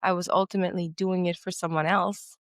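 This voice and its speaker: A woman's voice: on the low side, level tone, fairly quick, no room sound. A woman from Guyana hosting a podcast interview, talking reflectively with frequent fillers and restarts. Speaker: podcast host. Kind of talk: conversational interview.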